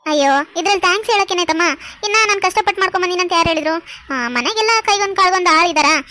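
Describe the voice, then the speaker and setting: Woman as a fussing cartoon aunt, talkative and bright-voiced. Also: very high voice, very fast. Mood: reassuring. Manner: talkative, over-explaining. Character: fussing middle-aged aunt, doting. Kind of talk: cartoon voice acting.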